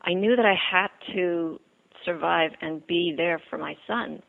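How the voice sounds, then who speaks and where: A woman from the Bahamas, telling her personal story as an interview guest, earnest and halting with fillers and repeats, heard over a phone line. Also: lowish voice, creaky.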